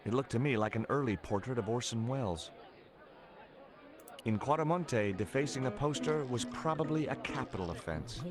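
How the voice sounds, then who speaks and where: Man as George Stobbart, lively game hero. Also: mid-range voice, normal speed, a crowd in the background, close to an everyday voice. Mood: dry narration. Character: wry, easygoing male adventurer hero. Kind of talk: video game voice acting with narration.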